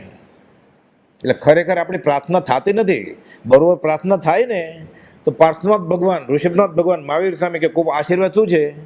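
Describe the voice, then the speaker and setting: A man's voice: high voice, mellow. Emphatic man giving a devotional discourse. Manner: emphatic, rhetorical questions. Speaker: religious speaker.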